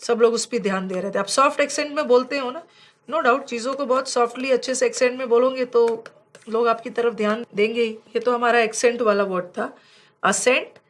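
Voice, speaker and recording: हिंदी में शब्द समझाती, ऊँची आवाज़ वाली महिला शिक्षिका. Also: female voice, fairly high pitch, fairly even intonation. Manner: explains in Hindi, mixing in English words, and reads English example sentences slowly. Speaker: English vocabulary teacher. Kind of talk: slide-based exam vocabulary lesson.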